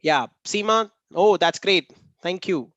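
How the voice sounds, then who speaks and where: Male webinar trainer, Tamil Indian English accent, high register, informal and chatty with repeated thanks, dry sound. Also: slow pace, fairly bright tone, dry recording, dull audio. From Namakkal, Tamil Nadu, India. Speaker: workshop trainer and host. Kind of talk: informal online webinar sign-off, thanking participants by name. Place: online video meeting.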